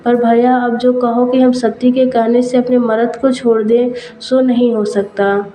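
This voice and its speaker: A woman's voice: fairly high pitch, level tone, unhurried, mellow, a little hiss or hum, close to an everyday voice. A woman voicing a meek hunchbacked village wife, speaking in rustic dialect. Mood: earnest. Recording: roomy with faint music.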